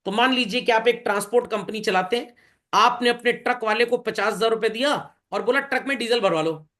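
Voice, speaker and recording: A man's voice: extremely high pitch, steady tone, fairly quick, sharp tone. A man teaching accounts to a class, asking questions and answering them himself as he explains. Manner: questions students and answers himself, mixing Hindi and English; calls listeners bhai and children. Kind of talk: classroom lecture.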